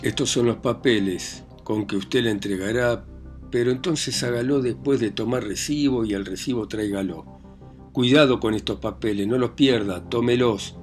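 A man's voice: mid-range voice, normal speed, soft background music, close to an everyday voice. A man reading aloud plays a stern, bullying village magistrate who interrogates and barks orders. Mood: commanding. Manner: interrogating, commanding, shouting.

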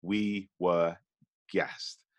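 Podcast co-host, slangy and animated, lowish voice, dry sound. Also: male voice, drawn-out words, no echo. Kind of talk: casual podcast chat.

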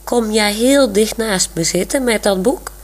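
A woman reads a bashful young man, hopelessly smitten, who stammers and hurries his words when caught out. A soft, husky voice with an unhurried storybook pace. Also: medium pitch, pitched above the performer's own voice. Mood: eager. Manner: hesitant, eager.

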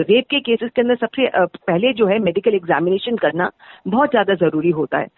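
Woman guest expert over a dry, tinny phone line; earnest, halting, restarts often. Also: medium pitch, no echo. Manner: earnest, many hesitations and restarts. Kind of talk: explanatory interview answers.

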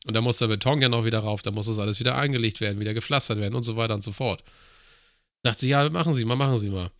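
A man's voice: on the low side, rapid-fire, a bit bright, no room sound, studio quality. A man telling a long work story in casual podcast chat, with crude slang and acted-out dialogue. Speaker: podcast co-host.

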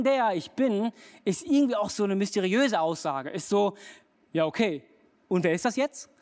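This is a preacher delivering a relaxed sermon in a conversational register, speaking straight to the listener. Key phrases come round again and again for emphasis, and the middle-range voice stays easygoing throughout. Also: medium pitch. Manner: colloquial, direct address to listeners. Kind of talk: casual sermon.

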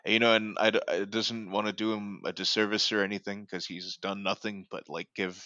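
A man with a fairly low, level voice and a sharp tone talks a little fast as co-host of a casual sports podcast, rambling with many fillers and restarts. The home podcast mic recording is dry and lo-fi.

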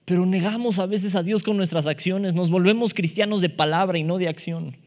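A man preaching a sermon as pastor, animated and acting out dialogue in shifting voices. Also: sits high, fairly quick. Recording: long reverb of a hall.

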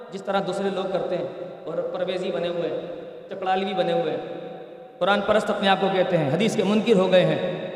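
High-voiced man preaching in an echoey hall. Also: far from the mic. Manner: storytelling, rhetorical questions, animated teaching. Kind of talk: sermon.

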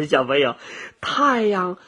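A man narrating a children's story in a playful, expressive way. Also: high voice, slow, husky.

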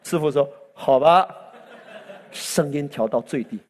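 Preaching in a church hall, this pastor speaks at a moderate pace in a mellow, fairly high-pitched voice. His sermon is impassioned and rises into exclamations, with the hall's reverberation audible throughout.

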